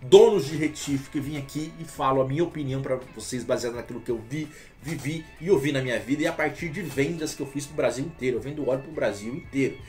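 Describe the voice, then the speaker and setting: A man's voice: mid-range voice, darkish tone, soft background music. Chatty Brazilian man explaining motor oil. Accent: Brazilian Portuguese. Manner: chatty, explanatory, reads aloud haltingly with restarts. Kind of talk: casual talk to camera.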